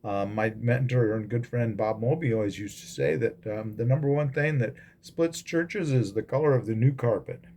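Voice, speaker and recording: A man's voice: medium pitch, normal speed, few pauses, dark tone. A man, a pastor, giving a casual devotional talk with frequent ums and restarts, recorded as a phone video.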